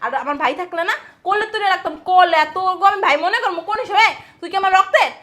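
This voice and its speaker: A spiteful, shrill village sister-in-law, played by a woman, who scolds nonstop. Her voice sits very high and bright, and she rattles off abuse at breakneck speed. The tone stays mocking and contemptuous. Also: rapid-fire. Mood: berating. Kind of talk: amateur family drama acting.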